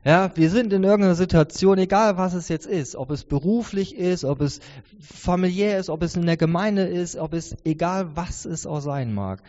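A man in his thirties delivers a conversational, earnest sermon, his voice sitting a little high yet mellow in tone. The sound is dull and carries the long reverb of a large church hall. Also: moderate pace. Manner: earnest, conversational preaching with many restarts. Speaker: preacher.

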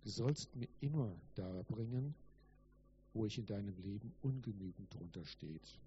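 A man's voice: lowish voice, animated, normal speed, warm tone, lo-fi sound, a little hiss or hum. A man reading the lines of the child Jesus in a story, with an earnest, emphatic manner. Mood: gentle. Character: the child Jesus, gentle and kind.

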